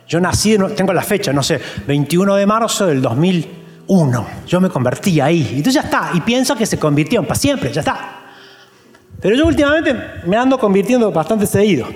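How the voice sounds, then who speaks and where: A man with an Argentine accent preaches a sermon, joking and acting out the voices of people he quotes. His voice sits high and swings widely in pitch. It rings with long hall reverb over faint music. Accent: Argentine Spanish. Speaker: pastor.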